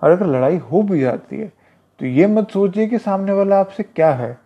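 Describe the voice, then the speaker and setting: A man's voice: high voice, lively intonation, moderate pace. A man talking casually about self-defense as an instructor, repeating himself and calling the listener brother. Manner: conversational, repetitive, addresses listener as brother. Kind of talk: casual advice talk. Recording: dull lo-fi recording.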